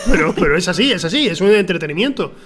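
A man with a Spain Spanish accent hosting a casual film chat, animated and opinionated, laughing often. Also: high voice, fairly quick, faint music behind. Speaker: stream show host.

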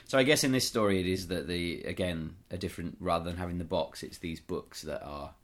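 Male podcast co-host, very deep voice, eager, rambling casual chat. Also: fairly quick. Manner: enthusiastic, trails off and restarts, quotes lines aloud. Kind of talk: casual chat about horror fiction.

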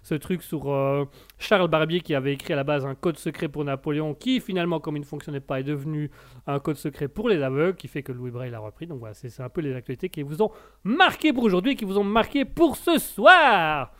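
High-voiced playful male radio host. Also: expressive, quick pace. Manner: playful, jokes with his own made-up characters; hesitant, with many fillers and restarts. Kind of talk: casual live call-in chat.

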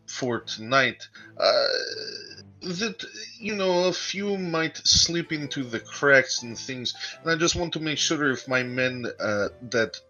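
A man's voice: medium pitch, pushed and bright, highs cut off. A man speaking in character as a player in a tabletop game, formal and a bit hesitant. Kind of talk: in-character tabletop role-play.

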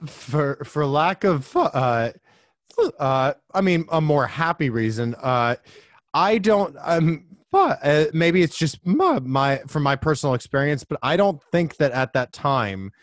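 A man's voice: a little high, no echo, clean studio sound. A man talking hesitantly with many fillers in a casual film commentary chat.

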